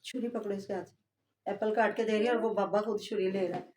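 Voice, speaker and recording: A woman's voice: medium pitch, steady tone, fast talker, a little mellow. A woman giving casual, rambling reaction commentary on family vlogs, full of fillers and asides.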